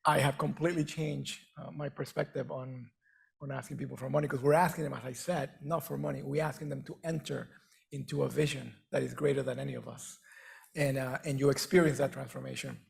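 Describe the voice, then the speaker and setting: A middle-aged Venezuelan man, a native Spanish speaker, appears as a guest in an on-stage conversation. His medium-pitched, gravelly voice is flat in delivery, and he speaks earnestly but haltingly, restarting often.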